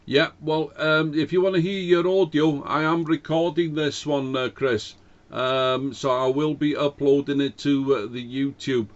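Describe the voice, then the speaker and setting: A man with a fairly high voice and fairly even intonation chats a little slowly as an amateur radio operator, hesitant and courteous in a casual ham radio contact. He speaks into a cheap dynamic mic over a radio link, and the audio is dull and lo-fi.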